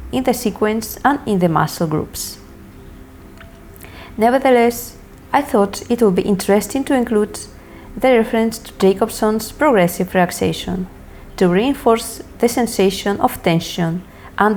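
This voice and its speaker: A woman instructor reading scripted lesson narration in a measured, deliberate way, setting out each step separately. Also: medium pitch, a little mellow, a little hiss or hum. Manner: measured, deliberate, enunciating list items one by one. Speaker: hypnosis course instructor.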